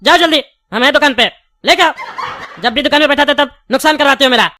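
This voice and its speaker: A woman's voice: sits high, fast, bright, forceful tone, slight background noise. A woman voicing a brash cartoon shopkeeper. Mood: scolding. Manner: blunt, bantering, argumentative. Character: brash male sweet-shop owner, quick to argue.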